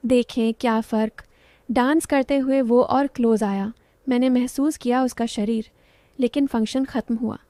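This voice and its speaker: A woman's voice: a little high, fairly even intonation, normal speed, dark tone, no room sound. Woman telling an emotional story. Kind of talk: first-person scripted narration.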